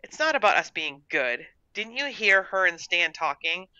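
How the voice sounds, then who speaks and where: A woman's voice: fairly low pitch, sing-song, moderate pace, pushed and bright, dry recording, exaggerated voice. A woman reading a story and voicing a sullen, defiant older sister who speaks curtly, on a dull, dry recording. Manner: curt and sulky.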